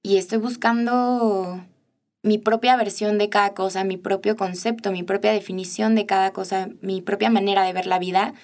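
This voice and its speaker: A woman's voice: mid-range voice, steady tone, moderate pace. A young woman with a Mexican accent, chatting with her mother and telling a personal story with frequent laughs. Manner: warm storytelling, laughing often. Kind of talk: casual chat.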